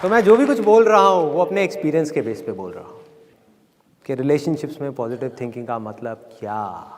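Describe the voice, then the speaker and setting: A man's voice: medium pitch, big pitch swings, a little fast, background noise. A middle-aged man giving a live motivational talk, chatting with and teasing his audience. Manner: conversational, teasing the audience, mock-scolding with acted quotes. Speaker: motivational speaker. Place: large hall with live audience. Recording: long hall reverb, faint crowd.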